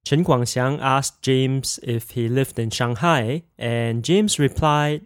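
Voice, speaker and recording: A man teaching a language lesson in a clear, explanatory scripted narration, saying example phrases slowly. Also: mid-range voice, dry recording, studio quality.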